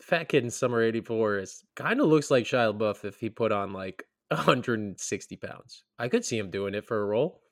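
A man's voice: on the low side, animated, fairly quick, few pauses, a bit bright, no echo, studio quality. Wry joking male co-host. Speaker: podcast co-host. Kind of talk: casual chat.

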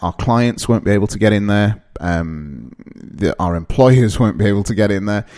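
A man in his thirties from northeast England hosts a podcast and introduces it casually in a northern English accent, with many fillers and restarts. His fairly low, darkish voice is expressive and moves at a normal speed.

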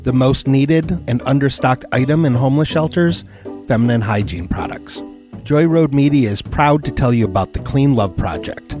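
Man, scripted announcement, earnest, steady, faint music behind. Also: mid-range voice, moderate pace.

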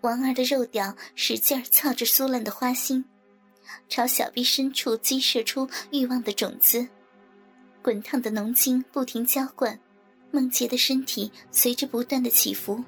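A woman narrating a scripted adult audio story in a soft, even delivery. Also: fairly high pitch, moderate pace, slightly rough, soft background music.

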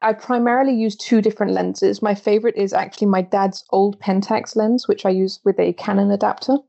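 A young woman from Belgium chats as a podcast guest in a gravelly, dark voice. She often breaks off and restarts her thoughts. The lo-fi remote audio dulls her sound. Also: mid-range voice, steady tone, brisk. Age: 20s. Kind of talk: interview conversation.

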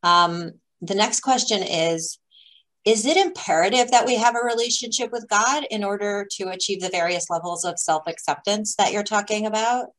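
A woman interviewing, asking questions and reflecting in a measured, thoughtful way. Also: medium pitch, fairly bright tone, poor audio.

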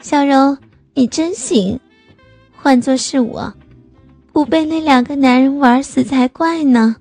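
Woman reading as a playful young woman friend, teasing, warm, a bit high, faint music. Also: slow pace.

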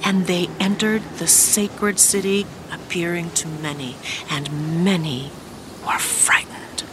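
Solemn slow woman narrator over music. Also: lowish voice, fairly even intonation, background noise. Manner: solemn, measured. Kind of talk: scripted narration of a radio drama. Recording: music underneath.

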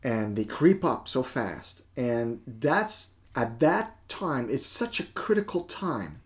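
A man's voice: mid-range voice, lively intonation, slow. A man co-hosting a faith talk with his spouse, speaking with affirming, preacherly emphasis. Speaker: co-host and spouse.

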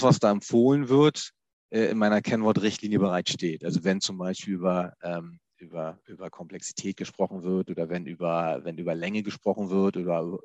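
Low-voiced man explaining, halting. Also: no room sound. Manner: hesitant, many fillers and restarts. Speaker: IT security expert guest. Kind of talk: technical explanation in conversation.

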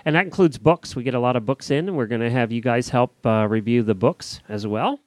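With a brisk, medium-pitched voice, a man hosts a podcast, chatting casually and delivering show announcements as if in conversation. There is no room sound.

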